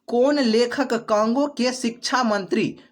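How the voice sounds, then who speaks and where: A man's voice: very high-pitched, takes it slowly. A man, teaching as an exam prep tutor, walks through multiple-choice questions, repeating each answer back as a question with many fillers.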